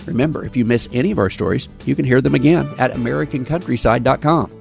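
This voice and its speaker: A man hosting and narrating a radio feature story in a measured, scripted delivery. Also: mid-range voice, creaky, a little mellow, faint music behind. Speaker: radio program host and reporter.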